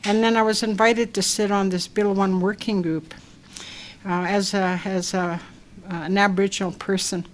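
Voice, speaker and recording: An older woman with a stuffed-up voice speaking softly at a panel, halting with fillers as she tells her own story. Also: mid-range voice, level tone. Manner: soft-spoken, halting with fillers. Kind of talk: personal talk at a public event.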